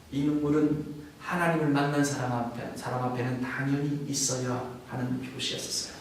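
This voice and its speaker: A man's voice: mid-range voice, vocal fry, fairly bright tone. A pastor delivers a sermon in a loose, conversational way, now and then slipping into the voices he quotes. His voice carries through a strongly echoing church hall, caught from some distance from the mic, with faint noise underneath.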